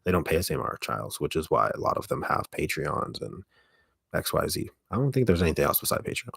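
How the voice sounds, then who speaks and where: A man with an extremely low voice full of vocal fry talks in a loose, casual livestream style. He is halting and keeps cutting into his own sentences. The sound is dry and close-miked, with a husky grain to the gravelly tone. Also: big pitch swings, a bit bright, dry recording. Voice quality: deep, gravelly voice. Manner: halting, self-interrupting, mild swearing. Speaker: ASMR streamer hosting a live stream. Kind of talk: casual rambling livestream chat.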